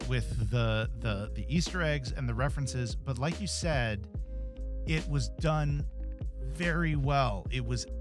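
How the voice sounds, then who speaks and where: A man in his thirties co-hosting a casual movie review podcast, talking in an animated way and tripping over his words when excited. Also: medium pitch. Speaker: podcast co-host.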